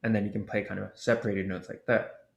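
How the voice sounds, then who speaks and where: A man's voice: lowish voice, little pitch movement, quick pace, vocal fry. Guy walking thru ocarina technique, laid back, says "like" a lot, echoey room sound. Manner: casual, explains with demonstration syllables and fillers. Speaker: ocarina workshop presenter. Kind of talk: instructional explanation. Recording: roomy echo.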